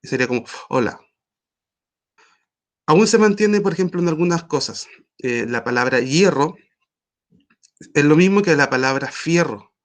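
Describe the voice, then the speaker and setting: A man teaching an online language class, explaining patiently with frequent pauses and fillers. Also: on the high side, expressive.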